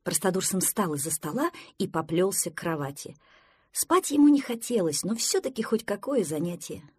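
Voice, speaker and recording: A woman reading a children's story aloud in an expressive, animated way. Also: lowish voice, normal speed, breathy edge, no room sound, studio quality.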